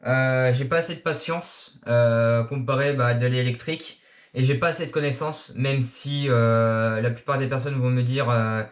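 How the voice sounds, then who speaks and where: Young male RC YouTuber from France, late teens, halting casual delivery, average pitch. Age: young adult. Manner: hesitant, many filler sounds. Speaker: RC hobby YouTuber. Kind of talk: casual self-introduction. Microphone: action camera.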